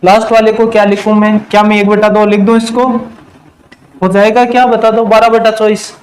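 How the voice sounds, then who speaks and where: A male math teacher giving a classroom lesson, quizzing his students and answering his own questions, and drawing out the key terms slowly. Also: sits high, little pitch movement, poor audio. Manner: slows to a drawn-out pace on key terms.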